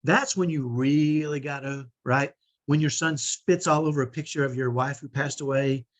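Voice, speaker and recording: This middle-aged host has a strong, powerful mid-range voice and speaks at normal speed. He coaches parents with energy and emphasis, frequently checking in by asking "right?"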